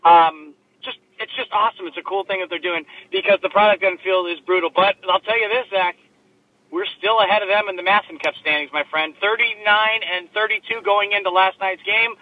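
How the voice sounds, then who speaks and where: A man co-hosting a casual sports chat over a low quality remote stream from a laptop in his car, talking in a joking, chatty way with plenty of filler words. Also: fairly even intonation, fairly quick, phone-quality sound. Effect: low quality remote stream audio. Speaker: sports podcast co-host. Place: inside a parked car. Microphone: laptop microphone.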